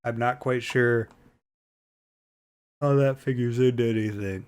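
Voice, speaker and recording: A man's voice: medium pitch, fairly even intonation, a little slow, a little mellow. A young man giving a casual, rambling reaction commentary, hesitant and full of fillers. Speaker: YouTuber reacting to a trailer.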